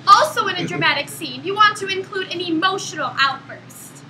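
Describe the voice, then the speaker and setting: A woman performing a comedy skit, narrating mock instructions with a brisk delivery. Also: extremely high pitch, lively intonation, sharp tone, slight background noise, rough recording. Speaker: student performer.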